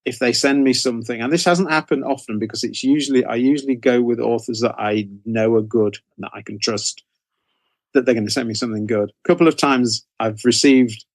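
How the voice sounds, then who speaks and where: A man with a mid-range voice, recorded dry, answers interview questions casually and a bit fast. He's an author and anthology editor appearing as a guest, explaining hesitantly and often repeating or correcting himself.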